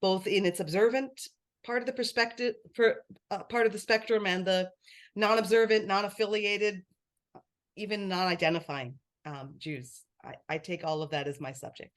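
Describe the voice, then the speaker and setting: A woman's voice: mid-range voice, steady tone, moderate pace. A woman author from Hawaii speaking thoughtfully on a panel, searching for words. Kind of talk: panel discussion.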